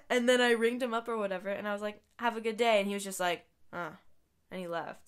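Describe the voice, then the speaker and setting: A young woman co-hosting a podcast, chatting casually and telling work stories, acting out what people said and trailing off softly at times. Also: medium pitch, fairly even intonation, fast talker, clean tone. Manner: storytelling, acts out quotes, trails off softly. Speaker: podcast co-host. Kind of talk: casual chat.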